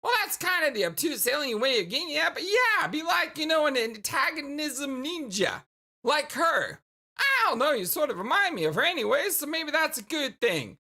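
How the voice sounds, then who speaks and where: Woman as cocky, upbeat game kid, male; high, bright voice, animated and emphatic casual delivery. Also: moderate pace, heavily acted. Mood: encouraging. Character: brash, upbeat young guy giving cocky friendship advice.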